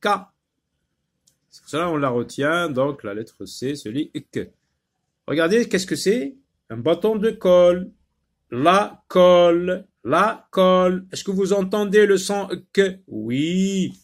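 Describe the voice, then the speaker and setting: A man's voice: sits high, moderate pace, a little mellow. A man teaching a phonics lesson to young learners, patient and repetitive, sounding out words syllable by syllable with frequent filler sounds.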